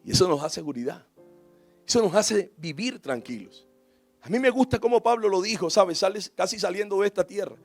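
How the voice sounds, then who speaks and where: A male pastor delivering a sermon, his voice pitched high for a man. He preaches with impassioned emphasis, swelling up on key phrases and dropping low to tell a story. Soft music plays faintly behind him. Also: lively intonation, a little fast. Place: church.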